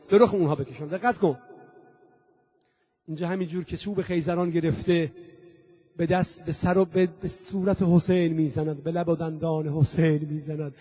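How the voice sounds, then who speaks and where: A man with a notably high voice delivers a mourning sermon, swinging between hushed asides and loud, fervent cries and chanting verse. The recording sounds dull and lo-fi, as if taped in the gathering. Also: husky. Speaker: preacher. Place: mourning gathering at a religious center.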